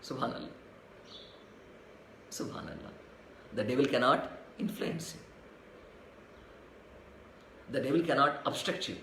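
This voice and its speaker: A man's voice: mid-range voice, fairly quick, sharp tone. A man preaching a devotional sermon, repeating phrases rhythmically and chanting verses. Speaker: spiritual teacher. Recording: echoey room, faint ambient noise.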